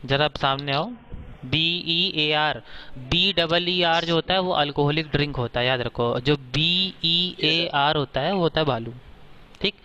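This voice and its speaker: A male teacher explaining a lesson to his class, often pausing to ask whether students understood and inviting their questions. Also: on the high side, bright, forceful tone, dull audio, slight background noise. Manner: keeps checking understanding with short questions.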